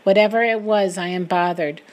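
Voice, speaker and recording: A woman's voice: mid-range voice, fairly even intonation, moderate pace, lo-fi sound. Woman reading a wartime memoir emotionally. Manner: emotional, rising loudly in quoted speech. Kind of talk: first-person memoir reading.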